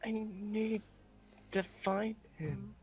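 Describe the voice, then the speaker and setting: A player voicing a drunk elven woman who talks softly about finding her brother. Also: mid-range voice, extremely slow, voice pushed up. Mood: drunk, wistful. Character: drunk elven woman Vestal, fancy and grieving.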